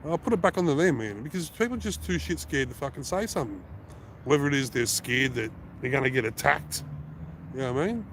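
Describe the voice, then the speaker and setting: A man's voice: medium pitch, animated, fast talker, a bit bright, slight background noise. Profane, blunt Australian man livestreaming outdoors. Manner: blunt and profane, rambling with restarts. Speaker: livestreaming auditor. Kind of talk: casual live-stream chat.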